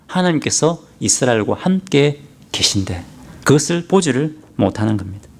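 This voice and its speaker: A male pastor preaching a sermon emphatically and asking the congregation many rhetorical questions. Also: a little high.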